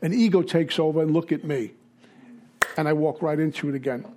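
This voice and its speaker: A man from Brooklyn with a Brooklyn accent, giving a blunt, halting personal testimony at a recovery meeting. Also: on the high side, darkish tone, a little hiss or hum. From Brooklyn, New York. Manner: blunt, halting, with many fillers.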